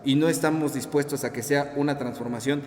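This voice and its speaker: A man with a Mexican Spanish accent preaching a sermon reflection, lively and colloquial, acting out the voices he quotes. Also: on the high side, brisk. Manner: animated, acts out quoted voices, colloquial asides. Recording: echoey hall with long reverb.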